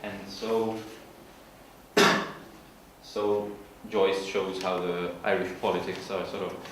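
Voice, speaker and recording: Low-voiced man, echoey and distant. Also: level tone, fairly bright tone. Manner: explanatory, halting, searching for words. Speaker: student presenter. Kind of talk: informal literature presentation. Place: large room at an evening school event. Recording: echoey hall from far off, faint noise.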